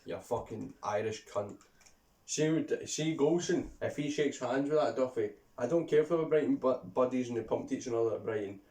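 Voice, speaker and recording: A man's voice: mid-range voice, fairly quick, a little mellow, distant mic. A young Scottish man co-hosting a casual chat, sweary and ranting, laughing often. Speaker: YouTube co-host. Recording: roomy and off-mic.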